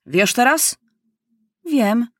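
A woman's voice: on the high side, animated, drawn-out words, fairly bright tone, no room sound, studio quality, pitched above the performer's own voice, full character voice. A woman voicing a small, sly and brave boy king at war, with an eager, innocent-sounding manner, in a storybook reading.

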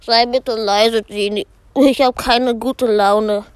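A grumbling schoolkid, voiced by a woman in a homemade audio drama, complaining about school and rushing a friend along. The voice is a little high and slow. It is heard close and dry. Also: steady tone, clean tone, no room sound. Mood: grumpy. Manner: grumbling, impatient. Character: grumpy, bored schoolkid. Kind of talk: amateur fan audio drama.

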